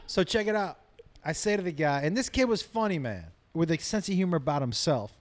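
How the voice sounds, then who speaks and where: A man's voice: a little high, animated, a little fast. A man who works as a comedian, telling stories in casual chat, swearing freely and laughing through his punchlines. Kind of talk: casual podcast chat, storytelling.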